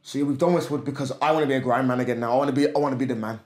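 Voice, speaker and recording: As a podcast guest, a man tells stories casually and with plenty of slang, speaking very fast in a steady, mid-range voice and often repeating himself. The storytelling chat has a roomy echo.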